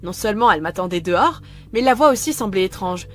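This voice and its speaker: Calm woman narrating a horror story. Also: mid-range voice, faint music behind. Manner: calm, measured first-person telling.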